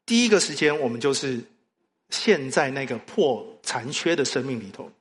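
Animated pastor in a hall. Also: male voice, mid-range voice, normal speed. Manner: animated storytelling with rhetorical questions. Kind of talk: sermon. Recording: long hall reverb.

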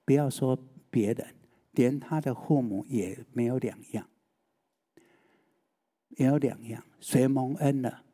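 A man's voice: medium pitch, slow, pauses often, dark tone, slightly rough. A male preacher, giving a sermon and often putting rhetorical questions to the listeners.

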